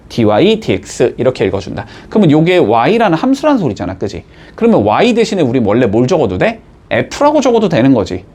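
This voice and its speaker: A man explains math to his students as a teacher, moving through each step and pausing often with a quick question to check they follow. His voice swings up and down with lively energy. His pitch sits in an ordinary middle range. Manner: lively, coaxing, checks in constantly with short questions. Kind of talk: classroom math lecture.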